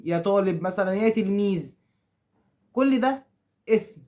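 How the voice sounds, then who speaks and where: A man's voice: sits high, lively intonation, normal speed, warm tone. A man with an Egyptian Arabic accent teaching grammar to school pupils. He keeps asking questions, answers them himself, and acts out the pupils' objections.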